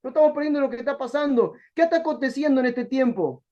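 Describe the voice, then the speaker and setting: A man with a Rioplatense accent, a pastor giving a colloquial, lively Bible study sermon and acting out bits of dialogue. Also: very high voice, fast. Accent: Rioplatense Spanish. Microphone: video call. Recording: dull lo-fi video call audio.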